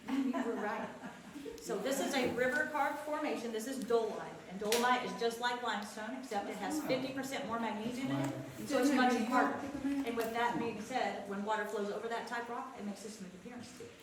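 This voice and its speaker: A woman's voice: a little high, brisk. A woman guiding a group through a cave in a folksy, questioning way, her voice echoing off the rock. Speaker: cave tour guide. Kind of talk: guided tour talk to a group. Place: inside a cave. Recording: echoing cave, distant mic, clear noise.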